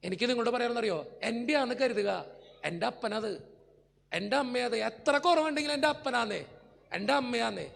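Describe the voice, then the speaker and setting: A man's voice: extremely high pitch, a little fast, gravelly, fairly bright tone, long reverb tail. A male priest giving an emotional sermon full of personal stories, speaking earnestly and pleading straight with his congregation.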